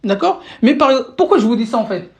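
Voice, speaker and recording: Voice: medium pitch, very animated, fairly quick. A language teacher giving a live-streamed lesson, patiently explaining step by step and checking in with viewers, often restarting and repeating words. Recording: roomy sound from away from the mic.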